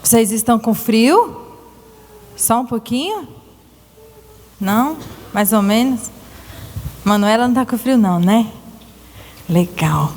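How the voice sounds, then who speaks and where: A woman telling a Bible story to children in a church, animated and asking them questions. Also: on the high side, long reverb tail. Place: church hall.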